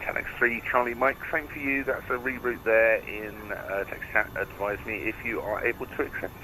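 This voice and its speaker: Bright-voiced male air traffic controller on radio. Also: medium pitch, steady tone, normal speed, poor audio. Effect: radio transmission. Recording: radio transmission with faint noise.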